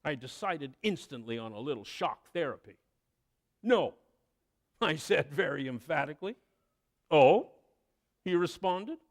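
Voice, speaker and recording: A man preaching a sermon, telling a story with expressive delivery and dramatic pauses. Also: fairly high pitch, creaky. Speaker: pastor.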